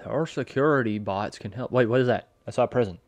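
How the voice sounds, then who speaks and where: Excitable laughing gaming co-host man. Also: mid-range voice, quick pace, no room sound. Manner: excitable, laughs often, backseat directing. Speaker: let's play co-host. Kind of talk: casual gaming commentary.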